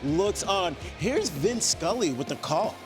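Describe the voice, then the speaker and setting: A man co-hosting a top ten countdown of sports highlights, announcing punchily with casual asides. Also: very animated, takes it slowly. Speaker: sports show co-host. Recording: music bed behind voice. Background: music.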